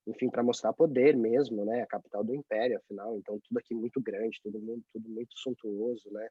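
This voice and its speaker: A man's voice: lowish voice, fast talker, breathy edge, no room sound. A man with a Brazilian Portuguese accent, a guest talking casually and animatedly in an interview over a video call. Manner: chatty, tag questions, animated. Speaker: guest, journalist abroad. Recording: dry, dull lo-fi call audio.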